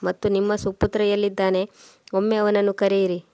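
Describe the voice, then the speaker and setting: An indignant father who demands answers on his daughter's behalf, read by a woman narrator in an audio story. Delivery is level with flat pitch. Dry, close recording. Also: normal speed, dry recording, natural voice. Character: indignant protective father of the bride.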